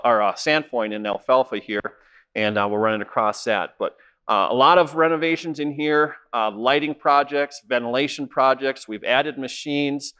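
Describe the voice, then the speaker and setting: On an informal walk-through of a cleaning plant and wheat fields, a middle-aged seed program manager speaks in a plain, straightforward way, dropping many "uh" fillers. He has a smooth, slightly bright mid-range voice, recorded with no room sound.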